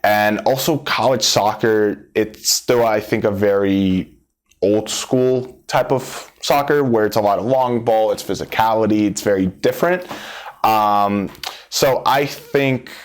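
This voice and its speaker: A man born in Brazil, working as a soccer scout, answers interview questions in a measured way, with frequent "um" hesitations. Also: lowish voice. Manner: measured, hedging with frequent ums. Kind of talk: interview guest.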